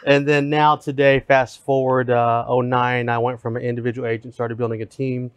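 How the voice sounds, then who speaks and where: Steady, matter-of-fact man in his forties. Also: mid-range voice, moderate pace, clear, resonant tone, dry recording. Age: 40s. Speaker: real estate team leader, guest. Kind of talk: casual podcast conversation.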